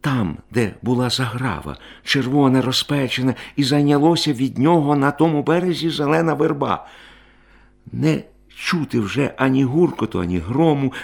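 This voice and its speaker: A man reads a story aloud with a gravelly, fry-edged voice of middling pitch. His reading is expressive, lifting and getting louder when the story grows tense. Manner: expressive reading, rising and loud in tense moments. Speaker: narrator. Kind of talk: storybook narration.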